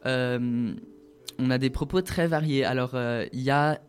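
A man's voice: mid-range voice, measured pace, smooth. A man explaining video games in a casual talk, hesitant, with many fillers and restarts. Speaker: guest presenting a video game event. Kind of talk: casual radio chat.

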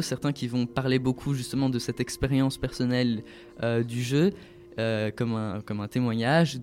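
Guy rambling about indie games, lots of ums and restarts, mid pitch, faint music behind. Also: a little mellow. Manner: hesitant, many fillers and restarts. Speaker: guest presenting a video game event. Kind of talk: casual radio chat.

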